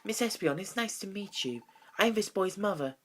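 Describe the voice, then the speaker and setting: A gentle, worried mother creature asking after her son, voiced by a man. Polite and concerned, a bit higher than his usual, fan-dubbed game dialogue. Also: animated, normal speed.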